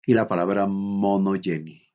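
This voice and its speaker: A man from Bolivia giving a recorded lecture, reading out examples slowly and deliberately. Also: low voice, steady tone, mellow. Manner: slow, deliberate, reads out examples. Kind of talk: recorded lecture on Greek accents. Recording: dull lo-fi recording.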